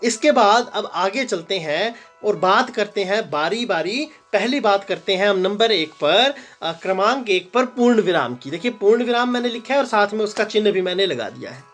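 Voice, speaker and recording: A man's voice: sits high, lively intonation, moderate pace, few pauses, fairly bright tone, faint music behind. A man teaching a grammar lesson, asking and answering his own questions and repeating the example sentences with emphasis.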